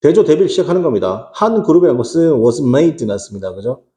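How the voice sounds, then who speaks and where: A man's voice: medium pitch, big pitch swings, fast talker, mellow, echoey room. A man teaching English exam prep in Korean, asking rhetorical questions and answering them himself, with casual slang asides. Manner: rhetorical questions, repeats "어떻게 한다?".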